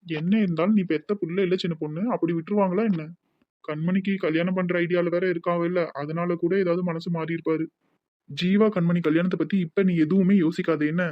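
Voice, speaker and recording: A voice actor with a Tirunelveli Tamil accent playing a caring, excitable young village husband in a cartoon, talking in urgent, raised bursts. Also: mid-range voice, a little fast, dry recording, dull audio, natural voice. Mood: reassuring. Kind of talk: animated cartoon voice acting.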